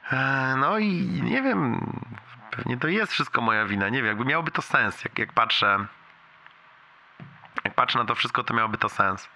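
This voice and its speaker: A man's voice: mid-range voice, bright, forceful tone. A man leaving a long, rambling voicemail for a friend, self-deprecating and full of restarts.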